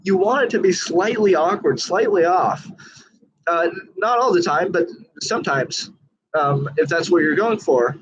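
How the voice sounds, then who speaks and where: A man's voice: sits high, animated, unhurried, muffled recording. A man talking casually about magic, earnest and rambling, with many fillers and restarts. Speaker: magician reviewing a book. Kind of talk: casual talk to camera.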